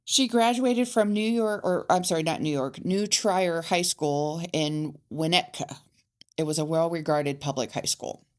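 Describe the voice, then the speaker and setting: A low-pitched woman walks through a crime case on a casual podcast. She reads the facts in a measured way, with the odd "um" and restart. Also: a little mellow. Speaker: podcast co-host telling the case.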